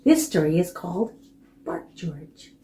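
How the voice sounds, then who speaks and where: A woman's voice: on the low side, big pitch swings, dark tone. A woman hosting a library storytime, reading a picture book aloud as if to a toddler, with simple, exaggerated, playful delivery. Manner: drawn-out, playful animal noises and repeated words. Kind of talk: lively read-aloud storytelling for small children.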